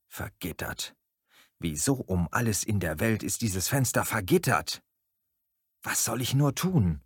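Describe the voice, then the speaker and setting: A man reading a first-person horror story dramatically, moving between hushed and urgent. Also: on the low side, breathy edge, dry recording, studio quality. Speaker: audiobook narrator.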